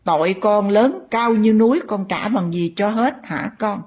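A woman's voice: medium pitch, a little slow, a little mellow, dull audio, close to an everyday voice. A woman voicing a stern spirit mother who scolds a disciple, reproachful and rising on key words.

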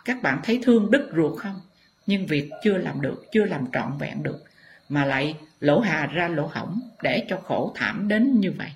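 A woman spiritual teacher tells her viewers stories in a low voice. Her delivery is emphatic and impassioned, and she leans hard on her points. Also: expressive, normal speed, a little hiss or hum. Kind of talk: dramatic storytelling to viewers.

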